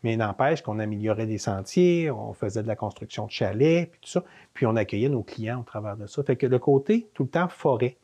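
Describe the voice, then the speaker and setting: Telling family stories as a guest in a casual storytelling interview, this Quebec French-accented manor co-owner in his fifties fills his speech with fillers and restarts. His voice is on the low side, mellow, expressive and brisk.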